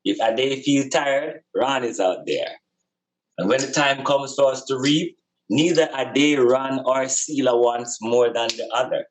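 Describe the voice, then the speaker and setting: A man at medium pitch and a measured pace speaks as a podcast guest about spirituality and community, casually and reflectively reasoning about life. He stresses points earnestly by repeating phrases, though the audio quality is poor.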